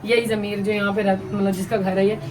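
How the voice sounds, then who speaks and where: A woman's voice: mid-range voice, little pitch movement, fast talker. A woman telling a family story to her viewers in a chatty, emotional way. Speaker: vlogger. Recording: distant mic with background noise.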